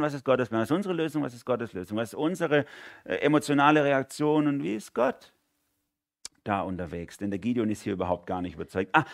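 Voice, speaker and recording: A man preaching a sermon in an animated way, moving between loud emphasis and quiet intensity and often asking listeners to agree with him. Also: medium pitch, vocal fry, dry recording, studio quality. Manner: asks listeners for agreement with a spoken tag.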